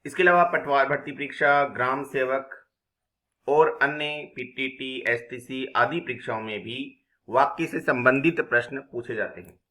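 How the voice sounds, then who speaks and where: Guy teaching grammar for exam prep, bright clear voice, echoey room, walks thru it step by step. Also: mid-range voice, unhurried. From India. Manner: explains step by step, asks and answers his own questions.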